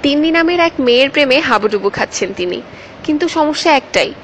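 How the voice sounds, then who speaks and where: A woman's voice: high voice, expressive, quick pace, slight background noise, rough recording. A woman giving teasing, scripted comic narration. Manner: wry, teasing.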